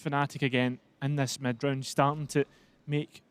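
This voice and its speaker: A man's voice: mid-range voice, little pitch movement, moderate pace, smooth. A man commentating a competitive video game match, breaking down tactics and the resources each team has left. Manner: analytical, explains tactics and resources. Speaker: esports analyst caster. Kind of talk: color commentary.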